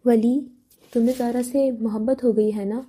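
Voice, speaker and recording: A woman's voice: a little high, steady tone, warm tone, husky. A woman voicing a teasing, curious young man who prods his friend with questions, in a novel audiobook.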